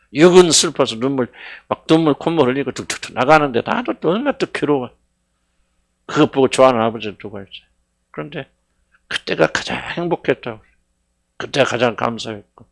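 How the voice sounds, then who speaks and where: A middle-aged man preaching a sermon as senior pastor, fervent, swinging between loud cries and hushed words, questioning his congregation. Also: mid-range voice, gravelly. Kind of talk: sermon at a Friday prayer meeting.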